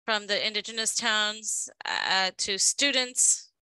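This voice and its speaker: A woman giving a live interpretation of a panel discussion, halting and often restarting her phrases. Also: mid-range voice, pushed and bright, clean tone, no room sound, rough recording.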